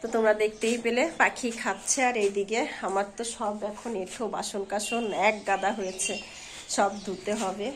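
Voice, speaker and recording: A woman with a hoarse voice from a fever, chatting casually to her viewers in a home vlog and checking in with them as she goes. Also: mid-range voice, steady tone, moderate pace, a little hiss or hum. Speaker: home vlogger and mother. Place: at home indoors.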